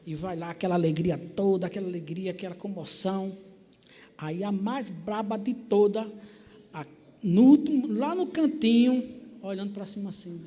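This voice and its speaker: A man's voice: sits high, normal speed, dark tone. A man telling his testimony in a packed church, animatedly acting out family members' voices. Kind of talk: preached testimony storytelling. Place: church filled with people. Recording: reverberant church hall.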